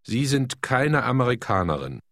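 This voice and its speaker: A man modeling phrases for learners with slow, deliberate enunciation. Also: mid-range voice, big pitch swings, fairly bright tone, dry recording, clean studio sound. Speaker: native-speaker model voice. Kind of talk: slow model pronunciation for repetition.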